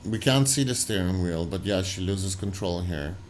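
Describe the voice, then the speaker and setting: Low-voiced man commenting on footage. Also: animated, heavy background noise. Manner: loose, halting, full of "like" and restarts. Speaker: reaction video host. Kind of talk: casual commentary over footage.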